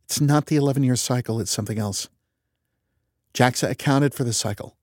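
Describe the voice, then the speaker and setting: A man voicing a glum, weary woman government scientist in her forties, in a flat, reluctant delivery. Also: mid-range voice, fairly quick, no room sound, clean studio sound, voice pushed up, lightly acted. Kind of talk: audiobook character voice.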